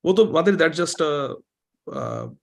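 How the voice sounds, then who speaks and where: A man leads a scripture class, switching between Hindi and English. His voice sits a bit high for a man, and he talks slowly and patiently, pressing hard on key points. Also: wildly swooping pitch, gravelly. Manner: patient, explanatory, emphatic when making a point. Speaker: scripture teacher.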